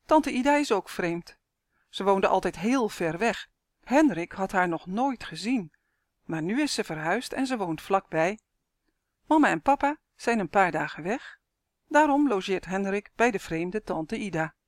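A woman reading a children's story aloud in a clear, expressive manner. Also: mid-range voice, a little slow, no echo, studio quality.

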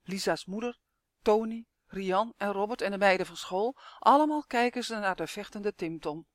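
Storybook narrator, expressive and dramatic, mid pitch, dry close recording. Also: moderate pace, no echo. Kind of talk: reading a children's story aloud.

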